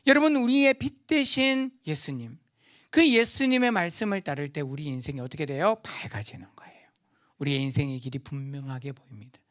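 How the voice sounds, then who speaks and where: A male pastor preaching a sermon, often asking the congregation questions, with sudden loud rises and soft drops. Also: fairly high pitch, fairly quick.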